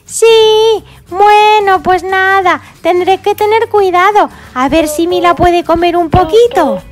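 A woman from voicing a cheerful little girl pig who fusses over her baby dolls in a sing-song, drawn-out way. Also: very high-pitched. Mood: doting. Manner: sing-song, fussing and doting, drawn-out words.

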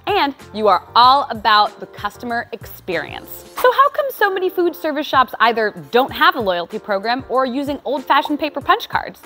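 Upbeat woman host pitching to camera. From Washington State, United States. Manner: upbeat and persuasive, lively delivery. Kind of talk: scripted business explainer to camera. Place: small shop with shelves of toys and boxes, indoors.

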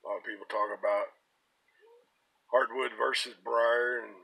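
A man's voice: mid-range voice, fairly even intonation, normal speed, creaky, bright, forceful tone, breathy edge. An American man in his fifties rambling casually in a folksy, plain-spoken way. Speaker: pipe-smoking vlogger. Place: inside a parked car. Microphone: phone at arm's length.

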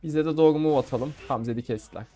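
Playful young male gamer, higher voice. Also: very fast, mellow. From Turkey. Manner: playful, laughing, talks to the viewers. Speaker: gamer streamer. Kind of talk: live gameplay commentary.

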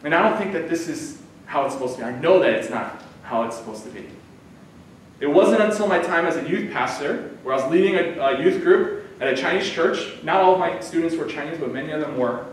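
Brisk and lively in intonation, the voice sits on the high side: a US man in his thirties preaching a conversational sermon as a guest, hands in motion. Recorded from afar by a camera in an indoor church sanctuary, it carries hall echo plus a slight hiss or hum.

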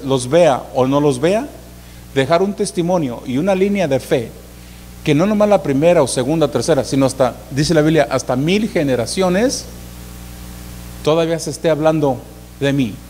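A man's voice: a little high, a little mellow. A man preaching a sermon, repeating himself and asking the congregation questions. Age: 40s. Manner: repetitive, asks the congregation questions. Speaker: pastor. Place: church hall. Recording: reverberant hall, faint hum.

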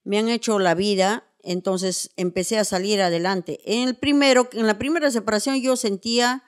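A woman's voice: medium pitch, steady tone, normal speed, smooth. A middle-aged woman with a Peruvian accent, giving blunt, scolding advice in a casual chat, swearing and repeating herself. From Peru. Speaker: show host.

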